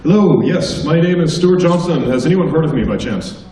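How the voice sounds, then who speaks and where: At a school assembly, a middle-aged stand-up comedian from the US jokes around and teases the students while telling comic stories. His voice is a little high and animated at a moderate pace, and the recording, taken far off in an echoey hall, is very noisy.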